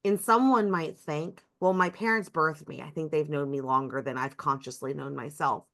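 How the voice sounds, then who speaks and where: A woman's voice: low-pitched, normal speed, gravelly, a bit bright. A woman in a casual podcast conversation, thoughtfully picking up on points the others have made.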